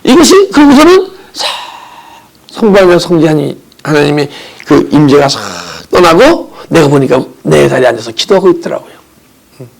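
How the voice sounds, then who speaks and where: A male pastor giving an impassioned testimony in a church sermon, with vivid sound words, swinging from soft talk to crying out. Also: high-pitched, creaky. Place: church sanctuary.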